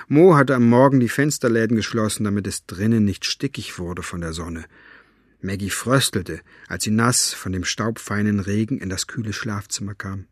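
Husky male audiobook narrator. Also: lowish voice, no echo, studio quality. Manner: measured storytelling delivery. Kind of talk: scripted narration.

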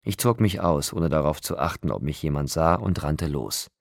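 A man narrating a novel in the first person, in a steady, restrained storytelling manner. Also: rumbling low, normal speed, creaky, dry recording, studio quality. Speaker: audiobook narrator.

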